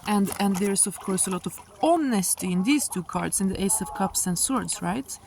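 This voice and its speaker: Casting: female tarot reader, casual and halting, musing delivery, mid pitch, recorded outdoors with light water noise. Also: lively intonation, vocal fry. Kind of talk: casual spoken tarot reading. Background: sound of moving water.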